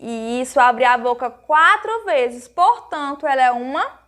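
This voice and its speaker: A primary school teacher from Brazil, her voice high and light, delivers a recorded grammar lesson for young children. She goes through each point slowly and patiently, posing questions to her pupils and then answering them herself. Her manner is affectionate and full of diminutives, with an animated, fairly bright tone.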